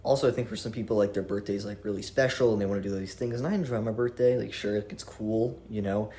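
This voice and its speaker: A young man in his early twenties talks straight to a tripod camera in a low voice, animated and rambling, with restarts and swearing. A faint hiss sits under the recording. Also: fast. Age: young adult. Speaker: vlogger. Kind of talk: casual talk to camera.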